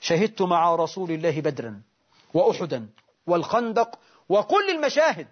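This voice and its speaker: Man reading an indignant male companion, pleading, scripture-quoting, high voice, dull lo-fi sound. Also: very animated, normal speed. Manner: pleading, quotes scripture in his defense. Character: indignant early male companion defending himself. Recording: dull lo-fi recording.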